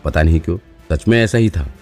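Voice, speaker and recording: A chatty young police trainee, teasing and full of gossip, in an audiobook, voiced by a man. His voice is very low, with soft music beneath it. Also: brisk. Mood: gossipy.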